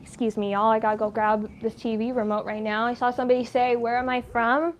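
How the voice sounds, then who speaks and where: A woman's voice: fairly high pitch, little pitch movement, fast talker, slight background noise. A woman hosting a casual at-home livestream, chatting while she crochets, rambling and easily sidetracked, with a lot of "like". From United States. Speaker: livestream host.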